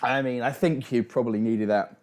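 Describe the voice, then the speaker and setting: A man's voice: mid-range voice, steady tone, fairly quick, a little mellow. A British man hosting a casual livestream, reacting and reading out chat with sweary, mocking banter. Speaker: livestream host.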